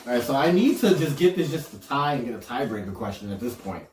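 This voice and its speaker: Lively joking man on a distant mic. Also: mid-range voice, fast. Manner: animated, joking, incredulous. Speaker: podcast co-host. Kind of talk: casual chat, trivia game. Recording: roomy echo, distant from the mic.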